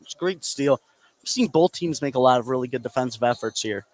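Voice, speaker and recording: Courtside in a gymnasium, a man delivers conversational color commentary on a live basketball game in an animated, fairly quick, mid-range voice. The noise of the game crowd sits behind his voice.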